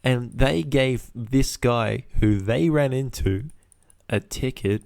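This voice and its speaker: A man's voice: medium pitch, slow pace, creaky, darkish tone. A young man casually ranting as a podcast host, with laddish slang, heavy swearing and exasperated repetition for emphasis. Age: young adult.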